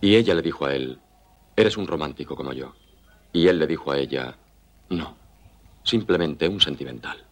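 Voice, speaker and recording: An actor playing a tender young man who teases his lover by making up a romance story, in a deep, husky voice. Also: lively intonation, moderate pace, long pauses, heavily acted. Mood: playful. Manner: playful, mock-narrating. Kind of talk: film dialogue.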